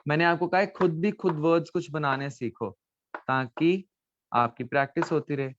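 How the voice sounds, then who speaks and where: Male teacher for an online class, a bit higher voice, repeats words and quizzes students, dry dull lo-fi sound. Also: steady tone, moderate pace, slight background noise. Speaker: language teacher.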